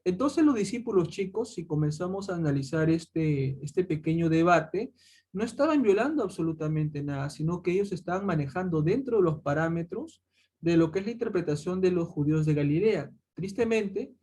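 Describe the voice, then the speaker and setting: A man's voice: high voice, animated, normal speed, mellow. A man teaching a Bible lesson, calling his listeners "chicos" and answering his own questions as he goes. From Peru. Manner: addresses listeners as "chicos", asks rhetorical questions.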